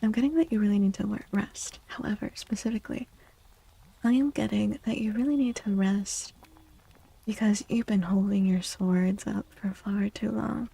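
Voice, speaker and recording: A soft-spoken woman with a mid-range voice does an ASMR tarot livestream, speaking breathily and often in a whisper. Her tone holds steady, and she reassures in a gentle, soothing, unhurried way.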